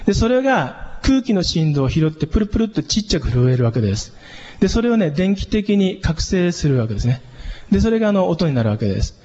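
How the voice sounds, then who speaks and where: A man, a church pastor, giving a casual spoken lesson on singing and microphones, chatty with many fillers and lively leaps in pitch. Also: quick pace. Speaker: church pastor teaching singers. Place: church hall. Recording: dull lo-fi sound with long reverb.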